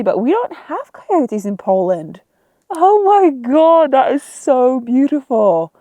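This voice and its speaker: A woman in her thirties vlogging casually outdoors on her mountain land, enthusiastic and quick to laugh. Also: mid-range voice, no room sound, lo-fi sound. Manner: enthusiastic, easily excited, laughing. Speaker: travel vlogger. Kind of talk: casual vlog narration.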